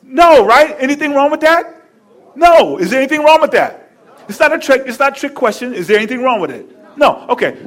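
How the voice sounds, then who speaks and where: A male pastor preaching a sermon, telling stories with lively repetition and asides to the congregation. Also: very high-pitched, fairly quick.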